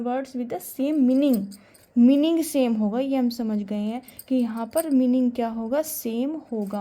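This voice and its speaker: Lady teacher explaining grammar, soft warm voice, keeps asking and answering her own questions. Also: high voice. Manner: asks questions and answers them herself.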